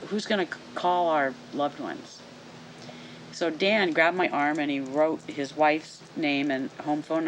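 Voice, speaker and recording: A woman's voice: sits low, noisy background. Earnest woman police officer recounting. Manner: earnest, vivid retelling with quoted dialogue. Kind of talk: documentary interview storytelling.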